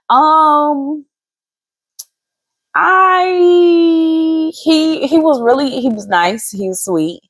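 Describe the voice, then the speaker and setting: A woman co-hosting a podcast, chatting casually in a playful, animated way and stretching words out for effect. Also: high-pitched, takes it slowly. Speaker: podcast co-host. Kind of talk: casual chat.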